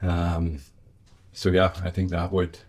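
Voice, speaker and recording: Speaking slowly in a low, monotone voice with a darkish tone, a man answers questions as an interview guest. A business owner, he sounds reflective and conversational, pausing thoughtfully as he searches for words.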